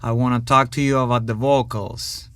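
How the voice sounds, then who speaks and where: A man hosting a home recording tutorial, talking casually with many pauses and fillers. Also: mid-range voice, clear, resonant tone, dry recording. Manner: relaxed, hesitant, many fillers. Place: home studio.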